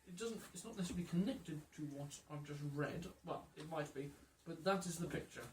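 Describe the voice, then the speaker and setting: A man's voice: fairly high pitch, fairly quick, a little hiss or hum. A man playing a tabletop detective game, reading aloud and chatting hesitantly, often repeating words. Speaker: player reading case text aloud. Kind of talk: casual chat, reading aloud. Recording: echoey room, mic far off.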